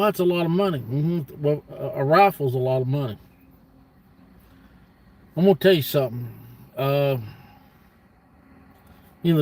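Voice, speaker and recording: A blunt man in his fifties with a medium-pitched, slightly mellow voice hosts a livestream, rambling casually to viewers. He's folksy and repeats himself for emphasis, with a noisy background.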